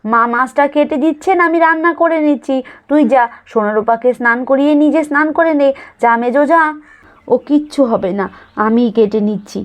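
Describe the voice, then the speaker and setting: A woman's voice: high-pitched, moderate pace, natural voice. A woman doing a bustling bossy elder wife. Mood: urging. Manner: fussing, urging.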